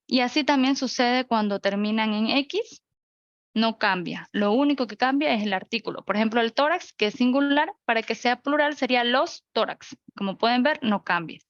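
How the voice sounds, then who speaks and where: A young woman gives an online class in a slightly high voice, stepping through each example in a steady, orderly way and often checking in with her listeners. The sound is dull and lo-fi, dry and close, as if it came through a video call. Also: normal speed, no room sound. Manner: methodical, lists examples one by one, checks in with "¿no?". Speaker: teacher. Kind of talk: virtual grammar lecture.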